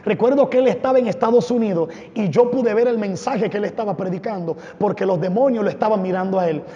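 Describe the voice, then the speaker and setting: A man's voice: high-pitched, fast talker, mellow. A man giving a fervent, dramatic testimony from a church stage. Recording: echoey hall, dull lo-fi sound.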